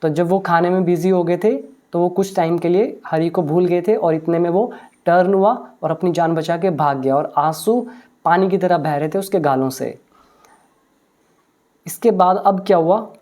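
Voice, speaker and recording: A woman with a lowish, mellow voice and fairly even intonation teaches English, going through a story line by line in mixed Hindi and English. She patiently translates each English phrase and often pauses with hesitation sounds.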